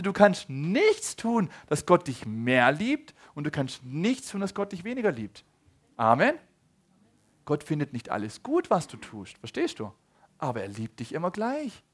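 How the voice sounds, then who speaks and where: Emphatic man preaching a sermon. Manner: emphatic, swings between loud appeals and soft low asides; asks the audience questions often. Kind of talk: sermon to a congregation.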